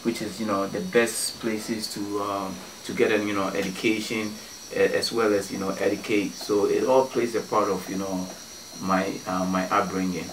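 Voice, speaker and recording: A man from Ghana, a guest on a radio show, telling stories in a relaxed way with many fillers and restarts. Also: fairly low pitch, normal speed, echoey room, distant mic, noisy background. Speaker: guest, community organizer. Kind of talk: casual radio interview. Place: radio studio.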